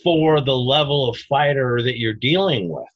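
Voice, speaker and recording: A man explaining self-defense techniques in a podcast interview, animated and emphatic, breaking into loud mock outbursts. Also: medium pitch, normal speed, dry recording, muffled recording.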